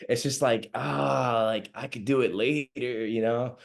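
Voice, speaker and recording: Slightly slow with vocal fry, a young Venezuelan man talks at a medium pitch in a steady tone. He's a rambling podcast guest in a casual interview, full of fillers and laughter.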